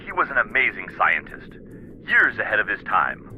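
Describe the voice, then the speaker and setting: A man's voice: lowish voice, huge pitch swings, moderate pace, faint music behind. An actor playing a busy, confiding male scientist in a video game, matter-of-fact, in dull-sounding audio. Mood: reflective.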